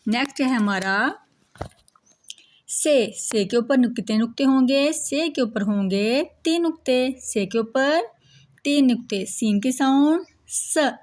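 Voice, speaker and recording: Slow, patient woman teaching the alphabet. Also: sits high, a little mellow. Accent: Urdu-speaking Pakistani. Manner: slow, patient, repeats each sound, asks and answers own questions. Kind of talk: children's alphabet lesson.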